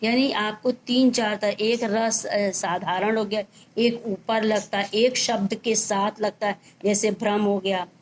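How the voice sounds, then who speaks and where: A woman's voice: mid-range voice, steady tone, background noise. A woman teaching a school grammar lesson, spelling out each word sound by sound. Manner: slow, spells out words letter by letter.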